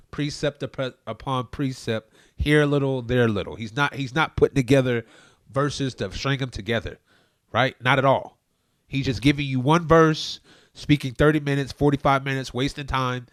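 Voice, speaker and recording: A man's voice: medium pitch, steady tone, moderate pace, a bit bright, smooth, no room sound, studio quality. A man co-hosting a casual podcast chat, preaching his views emphatically and telling listeners to look things up. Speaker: podcast co-host.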